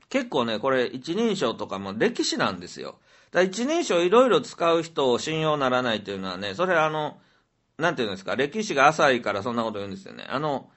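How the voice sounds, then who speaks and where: A man's voice: medium pitch, a bit bright. A man with a Kansai accent chatting casually as a podcast host, musing aloud and rambling with many fillers. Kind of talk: casual chat.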